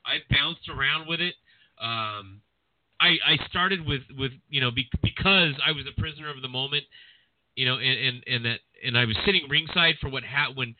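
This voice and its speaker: A man's voice: mid-range voice, no echo. Rambling man on a tinny dry line. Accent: General American. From California. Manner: rambling, animated, many restarts and fillers. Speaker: podcast host. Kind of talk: casual boxing podcast chat.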